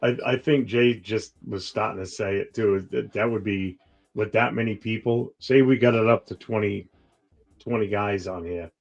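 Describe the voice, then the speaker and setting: A man hosting a casual podcast panel, talking in a relaxed, laid-back way. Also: lowish voice, moderate pace, vocal fry. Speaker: host. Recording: dull lo-fi sound.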